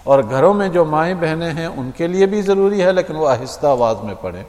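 A man speaking as an imam, explaining religious practice to a congregation in a steady, explanatory way with small hesitations. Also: fairly high pitch. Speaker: imam giving a mosque talk. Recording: long hall reverb.

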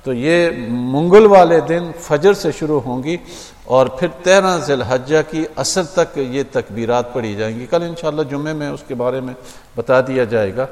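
A man speaking as an imam, explaining religious practice to a congregation in a steady, explanatory way with small hesitations. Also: medium pitch. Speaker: imam giving a mosque talk. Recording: long hall reverb.

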